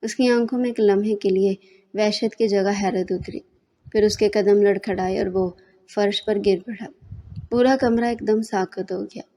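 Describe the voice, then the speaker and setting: A woman with a Pakistani accent reading a novel aloud in steady, measured storybook narration. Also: mid-range voice. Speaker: novel reader.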